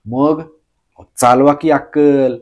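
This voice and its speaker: Man plays a sly rustic joker, slow and teasing, storybook telling. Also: medium pitch, steady tone, darkish tone, close to an everyday voice. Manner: slow, drawling, teasing, throat-clearing. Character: sly joking male villager, slow teasing talker.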